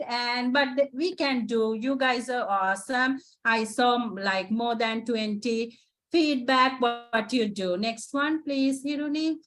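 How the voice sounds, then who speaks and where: A Sri Lankan woman, native in Sinhala and speaking with a Sri Lankan accent, lectures students as a psychotherapist presenter. Her voice sits on the high side with a fairly bright tone, and her encouraging points often end with "right?"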